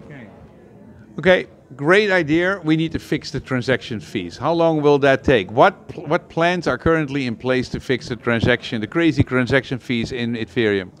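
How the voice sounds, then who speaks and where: A man's voice: medium pitch, normal speed, fairly bright tone. A male host interviewing a guest in a casual tech chat, asking probing follow-up questions with enthusiasm.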